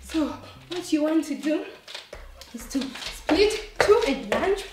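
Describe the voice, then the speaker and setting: A woman's voice: high voice, big pitch swings, slow, very noisy. A woman fitness instructor leading a workout, encouraging and counting the reps aloud. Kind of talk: workout coaching. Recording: roomy echo, distant mic, faint music.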